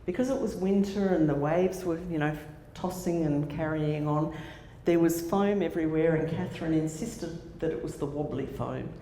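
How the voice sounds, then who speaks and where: A deep, dark-toned female voice at normal speed belongs to a conference speaker in her sixties with an Australian accent. She recounts a personal story, stumbling into fillers and restarts, using a handheld microphone in a conference hall. Echo and faint noise fill the recording.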